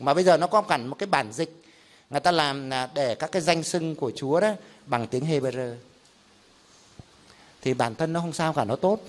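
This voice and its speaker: Teaching a Bible class, a middle-aged male pastor keeps things conversational, leaning on examples and rhetorical questions. His voice is a little high.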